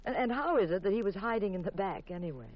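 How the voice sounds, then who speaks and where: A woman playing a detective's wife who narrates the story crisply and teases her husband, in an old radio drama. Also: medium pitch, animated, close to an everyday voice. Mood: brisk, teasing. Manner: brisk, crisp storytelling, teasing. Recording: muffled old radio recording with faint music.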